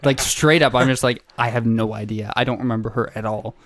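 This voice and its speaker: A young man co-hosting a podcast, telling a story in a casual, animated way with laughs and acted-out quotes. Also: medium pitch, brisk, dry recording. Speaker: podcast co-host.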